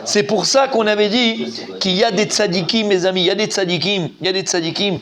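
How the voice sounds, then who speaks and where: A man giving an informal, animated Talmud class, quizzing his students and repeating key points. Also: sits high, brisk. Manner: lively, animated, asks students questions, repeats himself. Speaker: rabbi teaching Talmud.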